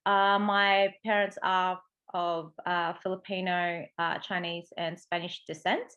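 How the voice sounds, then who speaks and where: Speaking at a fairly low pitch with little movement, this Sydney-born psychic medium and coach talks a little slowly in a fairly bright tone, with the highs cut off. She's an interview guest with an Australian accent, chatty and explanatory in a casual conversation. She often drops in "right" and "you know."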